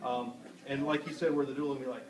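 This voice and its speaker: A man's voice: medium pitch, steady tone, quick pace, noisy background. A man on a parents' panel, earnestly telling his own story with frequent restarts. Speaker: panelist father. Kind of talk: panel talk. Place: panel event before an audience. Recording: echoey room, far mic, audience.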